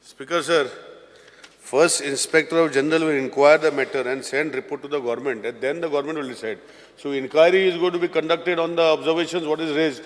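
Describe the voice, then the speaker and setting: A man with a Goan accent moving a bill in a legislative debate, rapidly and repeatedly addressing the Speaker, mixing Konkani and English. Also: fairly high pitch, steady tone. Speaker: state minister moving a bill. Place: legislative assembly hall. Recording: long hall reverb.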